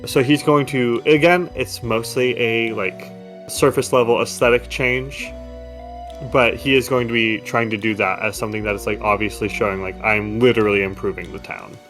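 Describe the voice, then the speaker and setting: A man's voice: medium pitch, normal speed, faint music behind. A man running a tabletop game as game master, narrating and explaining rolls in a loose, rambling way. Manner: relaxed, rambling, laughs easily.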